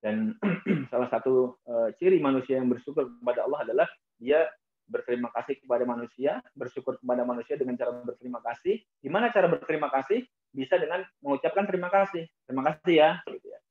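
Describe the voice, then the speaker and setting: A man giving a motivational talk in a preacher-like way, often addressing his audience and softly imitating prayers. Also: mid-range voice, fast. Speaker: motivational speaker. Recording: tinny phone-like sound.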